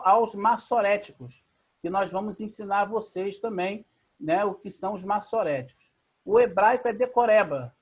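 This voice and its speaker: A Brazilian teacher with a husky, slightly breathy voice leads a live online lesson over a computer mic. The delivery is patient and methodical. Each point is spelled out, with frequent quick checks that the class is following. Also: medium pitch, lo-fi sound. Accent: Brazilian Portuguese. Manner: patient, explains step by step, often checks in with "tá?". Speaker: Bible language teacher. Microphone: video call computer mic.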